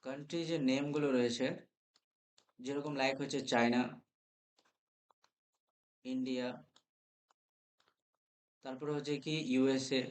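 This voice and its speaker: A man with a Bengali accent teaching an English grammar class. He often checks in with his students and spells words out letter by letter. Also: a little high. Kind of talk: live online class lecture.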